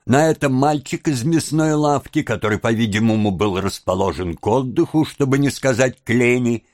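A man narrating a classic novel as an expressive storyteller. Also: medium pitch, moderate pace, no echo, clean studio sound. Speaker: audiobook narrator. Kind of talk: scripted narration.

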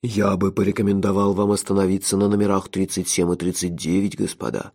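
A man's voice: low voice, flat delivery, a little fast, a little mellow. A man voicing a pompous, unsmiling innkeeper and chef in a fantasy audiobook, talking in a formal, ceremonious way. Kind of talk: audiobook character voice.

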